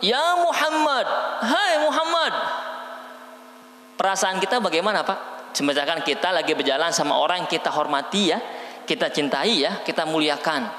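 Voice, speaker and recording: A male preacher with a Sundanese-inflected accent, giving an animated sermon in a mosque and acting out scenes as he tells them. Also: a little high, fairly quick. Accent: Sundanese-inflected Indonesian. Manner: animated storyteller, acts out scenes. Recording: reverberant mosque hall.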